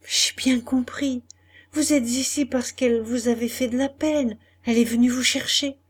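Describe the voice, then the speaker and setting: A woman voicing a humble young servant girl who speaks tearfully and softly in a storybook reading. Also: high-pitched, lively intonation, slow pace, voice pushed up, full character voice. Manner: pleading, tearful, soft-spoken.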